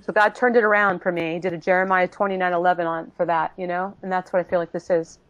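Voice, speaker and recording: Earnest woman giving halting testimony. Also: on the low side, little pitch movement, dry recording, muffled recording. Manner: earnest, halting, many restarts, acts out others' voices. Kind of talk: emotional personal testimony in a panel talk.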